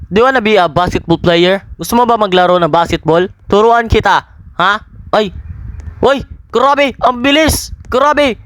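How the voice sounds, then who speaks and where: A man narrating his own game role-play, given to loud, sudden exclamations. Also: high voice, normal speed. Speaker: gaming video creator.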